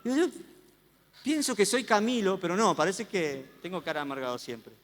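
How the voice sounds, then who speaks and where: A man's voice: high voice, very animated, moderate pace, a bit bright, in a large hall. A man preaching a sermon with a Rioplatense accent, telling stories with self-mocking humor. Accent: Rioplatense Spanish. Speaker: pastor.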